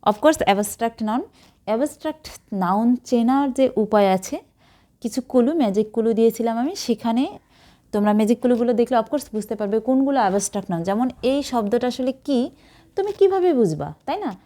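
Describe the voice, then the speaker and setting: An English tutor teaches a vocabulary lesson, spelling out words letter by letter and offering memory tricks. Her voice is on the high side, mellow, animated, and brisk.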